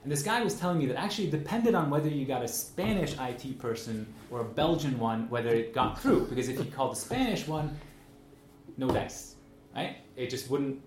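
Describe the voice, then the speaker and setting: Male academic-style speaker, medium pitch, informal and anecdotal, frequent check-ins, roomy sound. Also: lively intonation, a little fast, a little mellow. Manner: conversational, checks in often with "right?". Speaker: speaker giving a talk. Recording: echoey room with faint noise.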